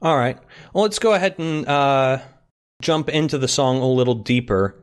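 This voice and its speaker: A man's voice: medium pitch, normal speed, smooth. A man hosting a casual fan podcast, moderating the discussion with jokes and frequent restarts. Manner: joking, loosely moderating, many restarts.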